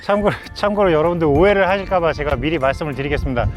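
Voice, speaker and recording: A man with a fairly high voice hosts a travel vlog from a mountain top. He speaks in formal, polite presenter phrases broken by exclamations of wonder. Soft music plays behind him. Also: lively intonation, racing. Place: outdoors on a windy mountain top.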